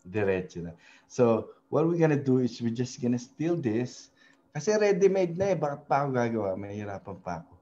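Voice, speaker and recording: A man's voice: mid-range voice, big pitch swings, normal speed, warm tone, muffled recording. A man hosting a casual web design tutorial, talking hesitantly with many fillers and tag questions. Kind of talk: casual screen-share tutorial in mixed Tagalog and English.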